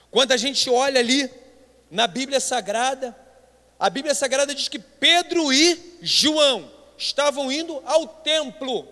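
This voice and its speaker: Delivering a Sunday school sermon with emphasis, a Brazilian man who pastors repeatedly calls his listeners brothers, speaking with a Brazilian Portuguese accent. His very high voice is bright and forceful, echoing with long hall reverb.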